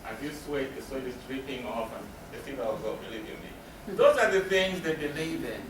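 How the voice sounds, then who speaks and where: A counselor's mid-range, expressive voice moves at normal speed as he presents to a live audience. He explains through short, emphatic phrases, posing and answering his own questions. The recording is roomy and distant, with noticeable background noise.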